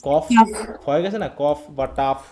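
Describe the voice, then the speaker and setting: A man's voice: on the high side, lively intonation, moderate pace, crowd noise. A man from Bangladesh teaching a live online English class, often checking that students follow. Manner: asks questions and checks understanding.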